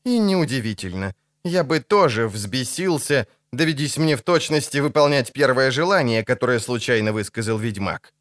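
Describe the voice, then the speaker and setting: A gloomy priest speaks in grave, measured warnings, as a male narrator plays him. The tone sits a little above the reader's usual voice, and the recording is dry and close. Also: medium pitch, expressive, a bit bright, dry recording, lightly acted. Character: gloomy middle-aged male priest, stern.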